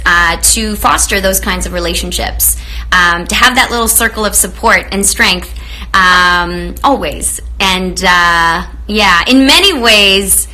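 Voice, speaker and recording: On a live stream with poor audio, a woman from Romania talks with her viewers at a medium pitch. She's effusive, welcomes people warmly, and uses lots of fillers.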